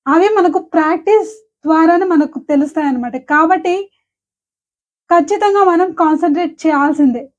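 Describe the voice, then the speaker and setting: A woman with a Telugu accent teaching English pronunciation, saying each example word slowly and clearly several times. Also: extremely high pitch, muffled recording. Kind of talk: pronunciation lesson.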